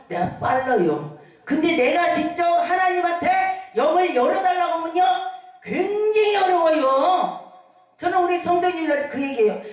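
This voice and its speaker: A woman pastor preaching a lively sermon, calling out hallelujahs and acting out the people in her stories. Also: high-pitched. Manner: animated preaching with shouted hallelujahs and acted-out quotes. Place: church hall. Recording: echoey hall from far off.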